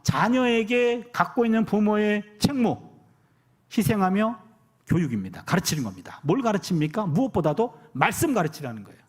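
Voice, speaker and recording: A man's voice: high-pitched, normal speed, breathy edge. A middle-aged man, a pastor and professor, preaching a sermon and telling family stories while acting out the dialogue. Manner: animated storyteller who acts out quoted dialogue. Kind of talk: sermon with personal storytelling. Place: church sanctuary.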